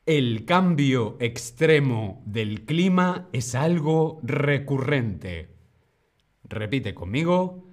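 Male tutor, steady mid pitch, very unhurried delivery, coaxing learners to repeat after him. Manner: slow, patient, repeats words for learners to echo; reassuring, addresses viewers by name. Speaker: Spanish pronunciation teacher. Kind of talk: live-streamed pronunciation lesson.

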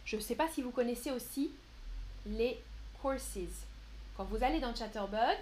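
A high-pitched woman hosts a live French lesson, reading chat questions and explaining grammar slowly with plenty of examples. She pauses often with little fillers and keeps a friendly, easygoing teaching manner. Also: a little mellow, slight background noise. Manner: patient, explains slowly with examples and frequent "euh"; playful, laughs at her own mistakes. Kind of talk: live-stream language lesson.

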